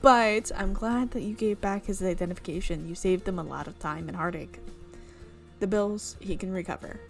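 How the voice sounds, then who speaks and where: Reading a game aloud with casual commentary, this young visual novel let's player breaks off now and then for amused, chatty remarks about the script. She speaks at normal speed with a medium-pitched voice and some vocal fry, while faint music plays in the background.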